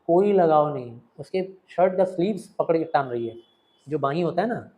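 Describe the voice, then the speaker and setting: A male teacher explaining a play line by line in a lively lesson, acting out the scenes as he goes. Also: fairly high pitch, moderate pace, highs cut off. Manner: animated, acts out scenes while explaining. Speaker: literature teacher.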